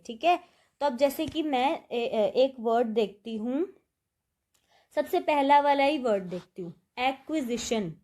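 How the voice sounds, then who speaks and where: Woman teacher, high voice, slow unhurried lesson delivery, patient explainer. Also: darkish tone. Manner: patient, step-by-step, often checks with "ठीक है". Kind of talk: explaining a dictionary lesson to children.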